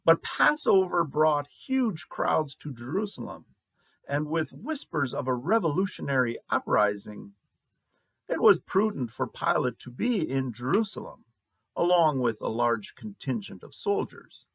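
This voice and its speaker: A man preaching a sermon as pastor, slow and measured with long pauses. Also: on the high side, very animated, creaky, fairly bright tone, husky, no echo.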